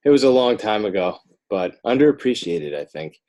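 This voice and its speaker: This author and illustrator from northern New Jersey has a lowish, dark-toned voice with a sing-song lilt, speaking a little fast. As a podcast guest in a casual conversational interview, he rambles and pokes fun at himself.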